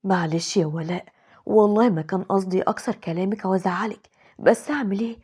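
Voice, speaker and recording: A woman's voice: mid-range voice, fast, darkish tone, slightly rough, lightly acted. A woman voicing a pleading Egyptian husband. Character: pleading young husband, anxious and evasive.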